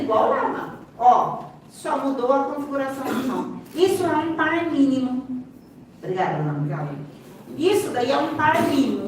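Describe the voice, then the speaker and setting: A high-pitched woman with a Brazilian Portuguese accent teaches at a live seminar. She keeps directing the audience's attention to the demonstration and drops in playful asides. Her voice rings through a very echoey lecture hall, picked up from a distance with faint room noise. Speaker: seminar speaker and sign language interpreter.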